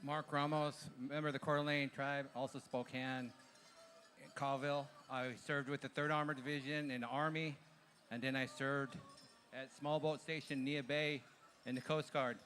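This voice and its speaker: A man's voice: medium pitch, little pitch movement, moderate pace, fairly bright tone. A man, a military veteran, giving a brief formal self-introduction. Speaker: college outreach manager.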